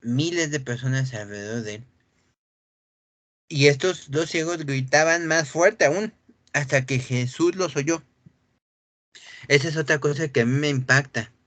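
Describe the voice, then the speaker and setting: A man preaching with real animation, leaping up in pitch when he acts out the scripture scene. He often stops to clear his throat. The recording is dry and close, with little room sound. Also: a little slow, pauses often, fairly bright tone, no echo. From Mexico. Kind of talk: sermon.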